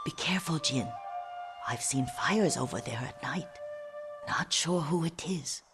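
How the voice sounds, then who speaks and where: An actress playing a gentle, wistful elderly female servant in dramatic video game dialogue, speaking softly and deferentially. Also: deep voice, expressive, measured pace, over music. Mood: caring, reminiscing. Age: older. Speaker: game voice actor.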